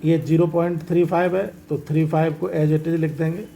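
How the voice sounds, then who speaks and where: A man's voice: fairly high pitch, flat delivery, brisk, creaky, dark tone, slight background noise, rough recording. A man teaching a maths lesson, explaining each step and often asking whether students have understood. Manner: explains step by step, asks checking questions. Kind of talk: classroom lesson explaining decimals.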